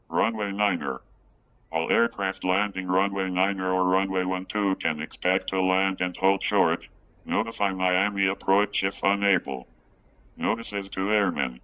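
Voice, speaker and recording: A man reading a recorded airport weather broadcast in steady, clipped aviation phraseology, heard as a playback. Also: deep voice, muffled recording. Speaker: airport information broadcast reader.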